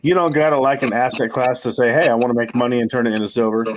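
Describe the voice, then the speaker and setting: Talking very fast over a noisy background, a forties male livestream host chats casually, rambling, swearing and mocking himself. His voice is medium-pitched with fairly even intonation.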